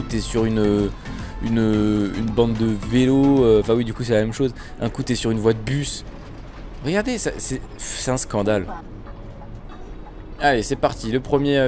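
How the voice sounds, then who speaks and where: A man giving casual, joking commentary while playing a bus driving game, with his voice jumping up in pitch when excited. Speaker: gaming video creator.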